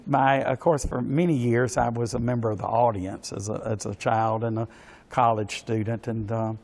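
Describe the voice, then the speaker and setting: A man answers as an interview guest. His pitch is average. He is courteous and formal, and hesitates often, repeating words as he searches for the next phrase. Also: fairly even intonation, gravelly, a little mellow. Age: 60s. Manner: halting and hesitant, with many pauses and repeated words. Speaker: interview guest, pageant organization official. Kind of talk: polite spoken interview answers.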